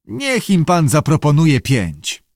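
A man's voice: fairly high pitch, huge pitch swings, takes it slowly, no room sound, studio quality, pitched above the performer's own voice, heavily acted. A man voicing an eager male interpreter and trader who talks in a coaxing, hesitant way, in an audiobook reading.

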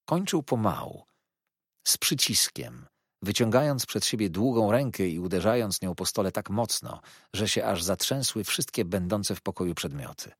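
Casting note: male audiobook narrator, low and slightly husky, with lively, varied intonation. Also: moderate pace, no echo, studio quality. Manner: expressive, animated reading. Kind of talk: scripted narration.

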